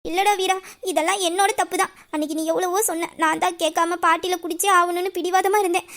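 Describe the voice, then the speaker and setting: A woman's voice: very high-pitched, fairly even intonation, fast talker, a bit bright. A woman voicing a remorseful young woman in an audio drama who pleads through tears and confesses a secret plan for revenge. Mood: tearful. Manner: sobbing, pleading, guilt-ridden. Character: tearful young woman hiding a revenge scheme. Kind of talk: emotional audio drama acting.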